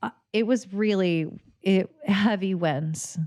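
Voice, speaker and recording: A woman's voice: medium pitch, slow, darkish tone. A woman hosting a podcast, talking casually with a friend, chatty with frequent restarts and laughter. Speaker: podcast host. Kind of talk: casual chat.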